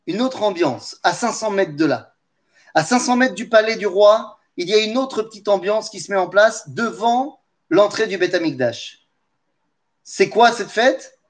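A man with a high voice gives a lesson as lively storytelling. He is animated, breaks in with humorous asides and talks straight to his listeners. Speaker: teacher of Torah.

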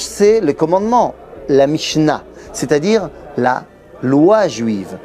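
A middle-aged man giving a lively Torah lesson to camera in a busy yeshiva study hall, telling it like a story. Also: fairly high pitch. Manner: lively storyteller, acts out quoted voices. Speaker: Torah teacher.

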